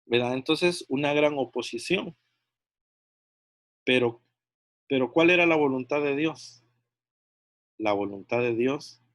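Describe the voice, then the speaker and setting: A man leads a discipleship Bible study over a video call, with a voice of ordinary middle pitch. He talks haltingly, circles back over his phrases and often checks in with the group. The call audio is dry and close, with no room sound around him. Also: dry recording. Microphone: video call microphone.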